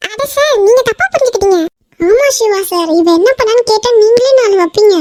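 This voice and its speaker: A woman's voice: extremely high pitch, lively intonation, a little fast, darkish tone, no echo, studio quality, soft background music. A woman voicing scheming, catty young women in a cartoon, taunting and threatening. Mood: sly.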